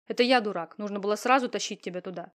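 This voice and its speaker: A woman voicing a gruff, stubborn man in an audiobook, speaking bluntly and forcefully. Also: medium pitch, quick pace, natural voice.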